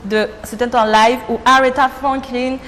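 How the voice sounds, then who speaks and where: A woman's voice: on the high side, steady tone, normal speed, fairly bright tone, slight background noise. A young woman from Congo hosting a casual TV chat show, talking in a playful, chatty way and laughing at herself. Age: young adult. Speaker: TV show host. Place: TV studio. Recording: long reverb, faint ambience.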